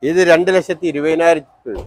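Middle-aged man, high voice, fast pace, casual dealer talk, brief answers, mix. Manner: short answers with English car terms mixed into Malayalam. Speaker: used-car dealer. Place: open-air car lot.

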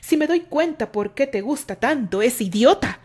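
A woman's voice: medium pitch, slow, breathy edge. A woman voicing a hot-tempered, jealous young man in a storybook romance. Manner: shouting, then pleading.

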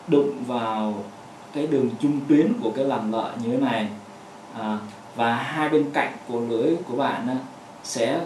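A man whose first language is Vietnamese, teaching pronunciation; he talks haltingly with many fillers and says example words over and over. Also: medium pitch, darkish tone, slight background noise. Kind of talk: explaining a lesson with hand demonstrations. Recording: echoey room, voice from a distance.

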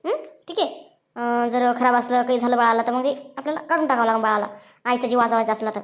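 A woman voicing a calm female hospital doctor in a cartoon story, explaining patiently. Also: on the high side, fast, close to an everyday voice.

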